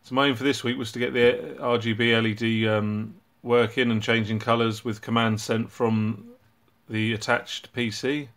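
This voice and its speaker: A man hosting his own hobby channel, casually walking through a project and explaining it in a relaxed way with frequent ums and uhs. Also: medium pitch, normal speed, hardly any pauses. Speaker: robotics hobbyist channel host.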